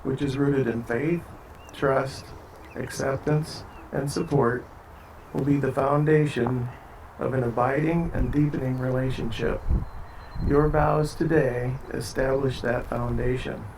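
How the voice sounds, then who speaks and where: A man's voice: medium pitch, a little slow. Distant male wedding officiant. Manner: steady, formal, with light joking asides. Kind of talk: ceremony address. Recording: distant mic, faint background noise.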